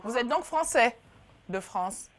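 A middle-aged woman hosting a live TV talk show in a studio, lively and playful, with a lapel mic. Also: on the high side, slow pace. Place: TV studio, indoors.

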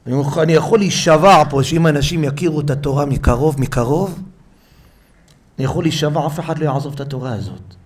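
A man, a rabbi, delivering a sermon in a synagogue, telling stories with strong emotion, repeating phrases for emphasis and swinging between loud and soft. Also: on the high side, slightly rough. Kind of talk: sermon with storytelling.

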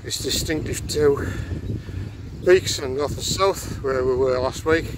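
An unhurried man with a mid-range voice films his walk along open fell paths and chats casually about the views. The vlog narration comes through a windy camera mic, with faint outdoor noise around him.

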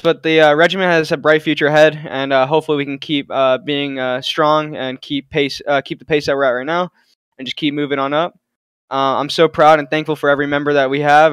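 Halting young man, filler-heavy speech. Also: fairly high pitch, flat delivery, fairly bright tone, smooth, dry recording. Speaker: gaming community leader. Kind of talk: heartfelt anniversary speech.

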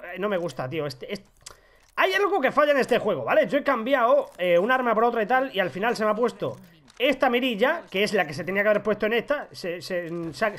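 A man with a Spanish accent from Spain, commenting on his own gameplay, excitable with loud outbursts and self-mocking asides. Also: sits high, slight background noise. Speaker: gaming YouTuber.

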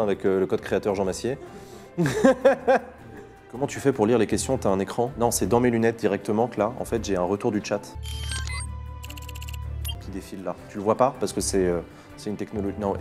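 A man hosting a live stream, chatting fast with jokes and sarcastic asides into a desk mic at home. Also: on the low side, warm tone. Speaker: political streamer host. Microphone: desk mic on a streaming mixer.

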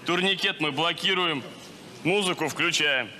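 A young man performing stage sketch comedy as a contestant, delivering setups in a brisk, deadpan way. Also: a little high. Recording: loud crowd and stage noise.

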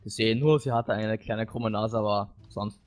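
A man playing a muddled research lab clerk in an improvised game role-play, halting and repeating his words. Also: lowish voice, steady tone, lightly acted. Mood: unsure.

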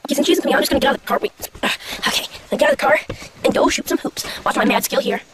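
A woman's voice: high-pitched, expressive, very fast, heavy background noise. A young woman playing a hyper twelve-year-old boy obsessed with sugar, giddy and repetitive in a homemade comedy skit. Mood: impatient.

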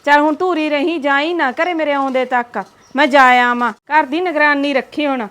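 An actress with a Punjabi accent playing a bossy woman who gives loud orders. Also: sits high, fairly even intonation, moderate pace. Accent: Punjabi (Malwa). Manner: loud, commanding. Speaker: actor in a short film.

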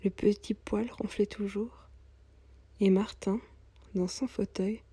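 A woman narrating a storybook tale in a calm, soft voice that sometimes drops almost to a whisper. Her tone is dark and husky, and the recording is dry. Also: mid-range voice, slow, no room sound.

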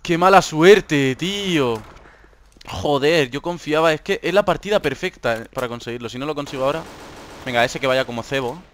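A young man from Spain with a Spanish accent, hosting live gameplay commentary, swinging from hushed whispers to excited shouts. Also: fairly high pitch, moderate pace, slight background noise. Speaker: gaming channel host.

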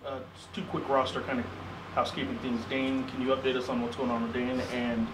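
A man, a sports reporter asking a coach questions at a press conference in quick, flat-toned questioning. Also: medium pitch. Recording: distant, roomy, noisy room mic.

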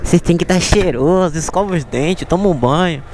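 A man in his thirties talks in a high-pitched voice with a Bahian accent from Salvador. His delivery is casual, slangy street talk, as a motorcycle taxi vlogger. Some outdoor traffic and vehicle noise sits behind him. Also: brisk, a little mellow. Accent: Bahian Brazilian Portuguese, Salvador. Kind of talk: casual vlog chat. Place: outdoors on city streets, mostly riding a motorcycle.

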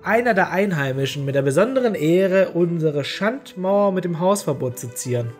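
Story narrator: woman with a lowish voice, even and deadpan, faint music bed. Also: moderate pace. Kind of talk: audio horror story reading.

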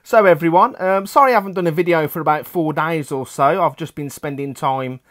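A man's voice: a little high, a little fast, a bit bright, dry recording, studio quality. A man with an Australian accent, an adult father, giving a casual and chatty update on his collection with many fillers. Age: adult with children. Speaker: hobbyist vlogger.

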